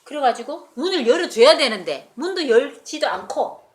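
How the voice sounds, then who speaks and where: A woman's voice: sits high, normal speed, background noise. A woman telling a Bible story in a children's sermon and asking the children questions. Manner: animated, asks the children questions.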